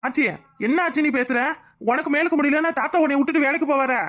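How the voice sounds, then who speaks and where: A woman's voice: sits high, steady tone, fast, lightly acted. A woman voicing a meek, pleading young grandson in a cartoon. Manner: pleading, defensive. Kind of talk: cartoon voice acting.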